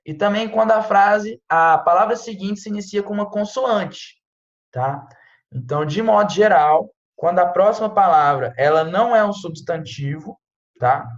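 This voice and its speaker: The audio is dull and roomy as the high-voiced man leads his casual online French class. He chats freely and keeps asking "tá?" and "né?".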